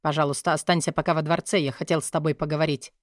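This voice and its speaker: A tired, stern young king speaks in a low, clipped voice, pressing short questions and orders. A woman narrator puts him on, dropping her voice. The recording is close and dry, with no room sound. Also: flat delivery, fast talker, no room sound, natural voice.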